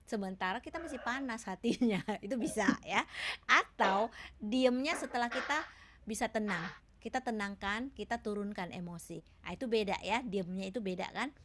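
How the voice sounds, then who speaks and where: A woman's voice: medium pitch, moderate pace, a bit bright, a little hiss or hum. A woman giving a webinar talk, patiently answering questions with many hesitations and tag questions. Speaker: seminar speaker. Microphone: video call.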